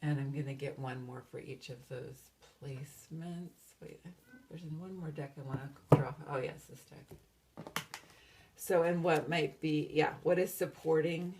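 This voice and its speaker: A woman's voice: low-pitched, very noisy. A woman giving a casual, meandering tarot reading, dreamy and full of fillers and restarts. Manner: self-described valley-girl talk. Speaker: tarot reader.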